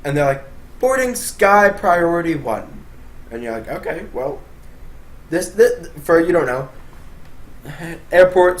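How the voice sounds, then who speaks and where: Young guy with a high voice going off on a sweary rant, loud then mumbly. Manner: profane, exasperated, swings between shouting and muttering. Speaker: vlogger. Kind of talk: ranting storytime monologue.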